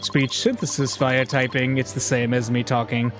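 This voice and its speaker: A man voicing a curt male bomb squad specialist in a game playthrough, speaking in a flat, robotic, synthesized-sounding monotone with clipped, terse phrases. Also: medium pitch, moderate pace. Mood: robotic deadpan. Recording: game music playing behind.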